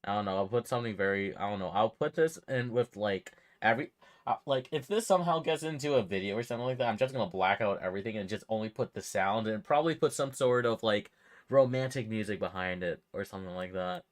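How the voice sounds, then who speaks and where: A man's voice: lowish voice, fast. Joking, profane young man reacting to a game. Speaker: gaming video creator. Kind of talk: casual gameplay reaction commentary. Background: game music.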